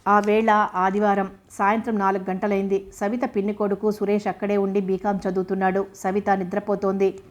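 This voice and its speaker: Female audiobook narrator, mid pitch, flat, steady reading. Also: brisk.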